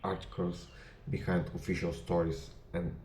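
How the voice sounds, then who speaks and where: A man with a Bulgarian accent, a non-native English speaker, speaking to camera about his history channel in measured, deliberate short phrases with small grammar slips. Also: deep voice, little pitch movement, a little mellow, reverberant, a little hiss or hum. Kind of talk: personal address to camera.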